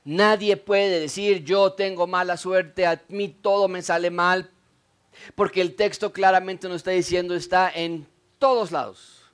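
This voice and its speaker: A man's voice: steady tone, measured pace, clear, resonant tone. Emphatic pastor, a man preaching. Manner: emphatic, swings between loud declarations and low asides. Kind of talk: sermon. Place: church.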